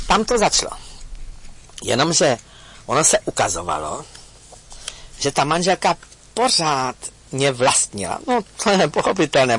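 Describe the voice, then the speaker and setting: Husky man telling a story with lively pitch. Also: low-quality recording. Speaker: speaker addressing an audience. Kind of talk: confessional storytelling talk.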